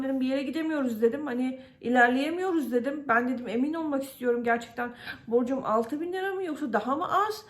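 A Turkish woman vlogging casually, venting about her frustrations with many hesitations and quoted exchanges. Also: high voice. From Turkey. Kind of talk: casual personal vlog.

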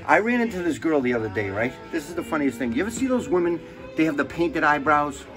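Over music on a rough recording, a very animated man with a slightly high voice rattles along at speed. He's hosting an easygoing cooking show, cooking, cursing freely, joking and straying into tangents.

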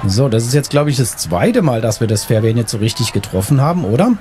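A man's voice: mid-range voice, animated, fast, darkish tone. A man hosting a casual let's play, thinking aloud as he plays. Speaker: gaming video host. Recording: faint game ambience behind. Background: faint game ambience.

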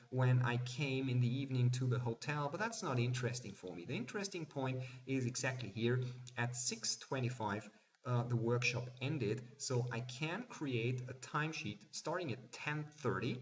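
A young man at his desk walking through a software demo in a plain, explanatory way, with small fillers and restarts. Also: mid-range voice. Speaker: software presenter. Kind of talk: screen-recorded software demo. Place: indoors at a desk. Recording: slightly dull, lo-fi sound.

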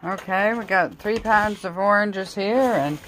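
At her table at home, a middle-aged vlogger unhurriedly lists groceries in brief phrases for a casual haul video shot on a handheld phone. Her voice is mid-range, and heavy background noise fills the recording.

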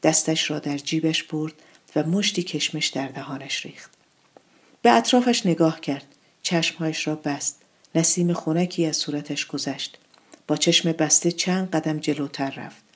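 A woman reading her own short story aloud in a calm, measured way. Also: low voice, slightly rough. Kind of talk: literary narration.

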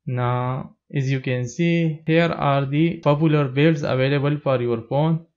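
A man with a slightly raised pitch gives calm, step-by-step instructions in a plain, steady tone. His voice-over is recorded with a dull, lo-fi sound. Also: a little slow. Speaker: tech tutorial narrator. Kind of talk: scripted step-by-step narration.

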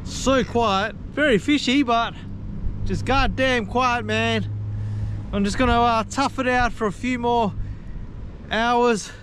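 A man's voice: very high voice, steady tone, slow, a bit bright. A man chatting to viewers while fishing from a rock wall by the sea. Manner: chatty, upbeat, talks to viewers as guys and homies. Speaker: fishing vlogger. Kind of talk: casual narration to camera while fishing. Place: outdoors on a rock breakwall by the sea. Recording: outdoor wind noise on the mic. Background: wind and water noise.

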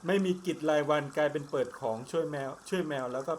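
A man chatting casually to viewers as he plays through a game, his volume swinging between loud and soft. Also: on the high side, fast, a little hiss or hum. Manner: chatty, talks to viewers while playing. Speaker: game streamer. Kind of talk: casual gameplay commentary. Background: game music.

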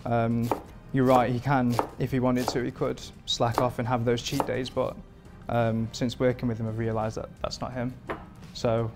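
An English performance chef in his thirties answers interview questions in a modern home kitchen, rambling easily and using lots of fillers. His mid-range voice moves at a normal speed with few pauses, and music plays in the background.

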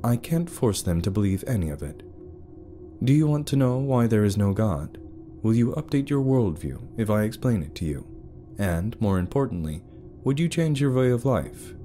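A man voicing a calm male artificial intelligence that oversees a world, speaking in a measured, explanatory way. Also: mid-range voice, pitched above the performer's own voice, lightly acted.

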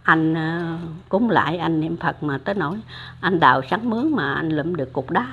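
A woman's voice: deep voice, normal speed, a bit bright, breathy edge. An older woman, telling stories casually, acting out dialogue and addressing the listener affectionately. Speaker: storyteller of religious experiences. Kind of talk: casual spoken storytelling. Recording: muffled lo-fi recording.

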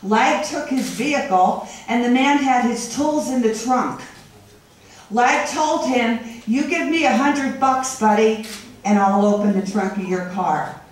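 A woman's voice: fairly high pitch, a little slow. A middle-aged woman at public comment in a council meeting, speaking in a confrontational, accusing way. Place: wood-paneled council chamber. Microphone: room mic at a speaker's podium, from a far camera. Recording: very echoey chamber heard from a distance.

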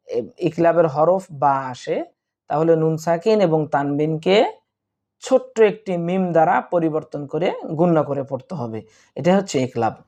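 A man with a slightly high, dark-toned voice teaches Quran reading. He patiently spells out each letter and vowel mark one at a time, then chants the joined verse, addressing his students directly.

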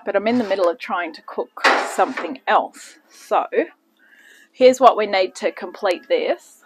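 This home cooking host speaks at medium pitch and a little slowly, chatting through a casual kitchen demonstration with self-deprecating humor and digressions. Background noise can be heard.

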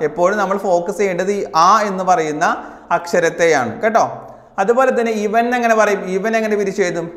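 A man teaching an exam prep grammar lesson, repeating each answer slowly and calling his students children. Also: sits high, fairly bright tone. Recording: echoey room with long reverb.

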